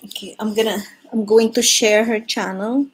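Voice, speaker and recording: A young woman from the Philippines hosts a live drawing stream from her living room, chatting loosely in English and Tagalog with a Filipino accent. She reads chat messages aloud and laughs often. Her voice is fairly high, steady, slightly rough and at normal speed, and the audio quality is poor.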